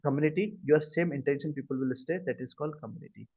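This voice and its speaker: A cloud computing instructor with an Indian accent runs a live online class over a video call, often pausing to check understanding with short questions. His voice is slightly high, fast and a little mellow. The audio is dull and lo-fi, typical of a video call.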